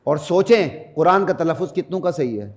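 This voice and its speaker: A middle-aged man giving a Friday sermon as a mufti. He preaches emphatically, rising to loud peaks, drops to low asides to the congregation, and chants Arabic verses melodically. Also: lively intonation.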